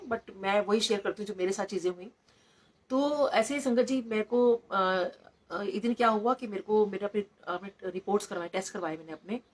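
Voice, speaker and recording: At a satsang, a middle-aged woman doctor narrates devotional stories with a mid-range, slightly rough voice. Her storytelling mixes in English words here and there.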